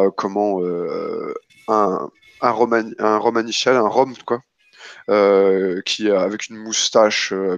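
A man with a lowish voice runs a tabletop role-playing game. He narrates casually and haltingly, circling back over words. The sound is dry and a bit dull. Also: dry recording. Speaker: game master.

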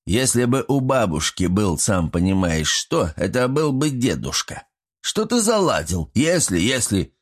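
A man's voice: medium pitch, darkish tone, slightly rough, voice pushed up, close to an everyday voice. A man voicing a cheeky, pushy little male gremlin who scolds and argues in an audiobook. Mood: scoffing. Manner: bossy, scolding, quick to argue. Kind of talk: audiobook character voice.

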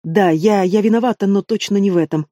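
A man's voice: high voice, fairly quick, mellow, no room sound, studio quality, voice pushed up, natural voice. A man reading an audiobook, voicing a frightened young princess who talks in a trembling, pleading way. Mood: anxious.

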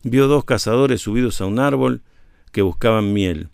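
A man narrating a folk tale for radio in a measured, low storytelling voice. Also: gravelly, darkish tone, smooth, dry recording, studio quality.

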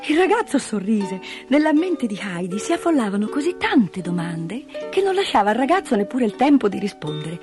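A woman narrating a fairy tale in an expressive storytelling style. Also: mid-range voice, fairly quick, few pauses, over music. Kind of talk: storybook reading.

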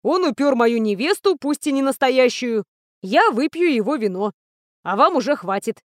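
A woman's voice: high voice, animated, moderate pace, no echo. A woman voicing a young male fey student who talks curtly and with dry sarcasm. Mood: dry, sardonic. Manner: curt, sarcastic.

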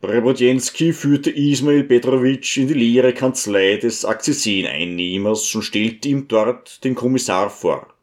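A man reading a novel aloud as audiobook narrator, measured and even. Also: medium pitch. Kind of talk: scripted narration.

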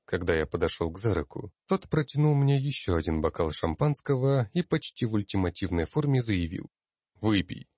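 A man's voice: fairly low pitch, very animated, brisk, few pauses, darkish tone, no room sound. A man narrating a fantasy audiobook in the first person, reading expressively with emphasis.

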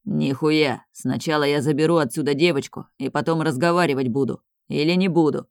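A man's voice: steady tone, creaky, dry recording, clean studio sound. A reader voicing a hot-tempered, foul-mouthed bearded older man who growls and swears. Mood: furious. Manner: growling, deep and slow.

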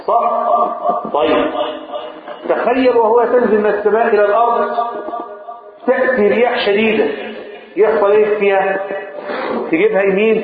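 A man with an Egyptian accent teaching a religious lesson. He asks his listeners questions and repeats phrases slowly. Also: high voice. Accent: Egyptian Arabic. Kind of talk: mosque Quran lesson. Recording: echoey hall over a tinny lo-fi line.

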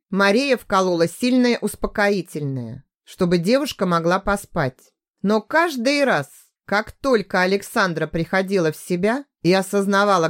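A woman narrating a dark audiobook in a steady, even storytelling voice. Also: mid-range voice.

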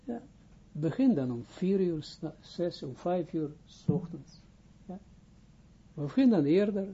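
A rabbi giving an informal spoken lesson, a man who talks haltingly, restarts his phrases and keeps asking whether he is understood. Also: a little high, lively intonation, mellow, slightly rough, lo-fi sound. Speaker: rabbi teaching Kabbalah.

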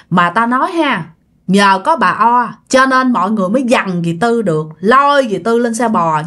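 Her voice sits on the high side and has a bit of brightness. She's chatting her way through an informal ghost story, often turning to address the audience directly.

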